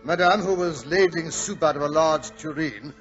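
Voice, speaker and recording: Man playing Doctor Watson, genial higher-pitched English gent. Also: normal speed, a bit bright, faint music behind, natural voice. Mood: reminiscing, genial. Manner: avuncular, slightly flustered, chatty. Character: genial, gentlemanly English doctor, reminiscing storyteller. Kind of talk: 1940s radio acting. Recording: dull vintage radio recording.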